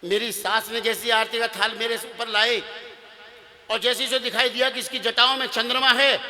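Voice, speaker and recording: A male preacher voicing Lord Shiva, a calm divine bridegroom who patiently explains himself. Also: very high-pitched, normal speed, big-room sound, pitched above the performer's own voice, heavily acted. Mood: patient explaining.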